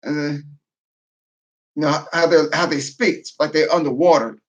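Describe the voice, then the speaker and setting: A man, a military veteran, talking in a loud, profane, casual monologue, breaking into laughter as he goes. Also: fairly high pitch, normal speed, muffled recording. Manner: loud, profane, laughing asides, animated rant.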